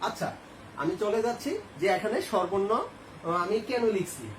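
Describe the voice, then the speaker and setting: A man's voice: high-pitched, normal speed, slight background noise. A male Bangladeshi school teacher explaining a grammar lesson step by step, asking questions and answering them himself. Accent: Bangladeshi Bengali. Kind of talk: classroom lesson to students. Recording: echoey room, faint ambience.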